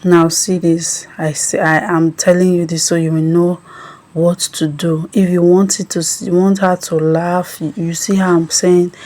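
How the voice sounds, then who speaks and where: A woman's voice: lowish voice, flat delivery, a little slow, dark tone. A woman hosting an app tutorial, explaining step by step with frequent ums. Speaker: tutorial host. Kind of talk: screen-recorded app tutorial.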